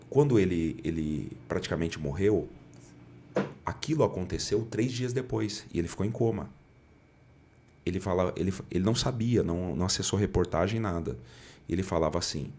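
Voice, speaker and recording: A man's voice: low voice, a little mellow, slight background noise. A middle-aged man, a pastor and podcast guest, telling a testimony in an earnest way and acting out the dialogue he quotes. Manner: earnest storyteller, often acts out quoted dialogue.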